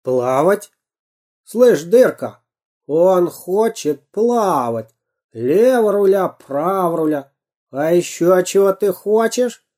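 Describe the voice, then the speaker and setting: A storyteller voicing a boastful, gruff pirate captain in a storybook reading, blustering and barking. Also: mid-range voice, expressive, takes it slowly, mellow, pitched above the performer's own voice. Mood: mocking.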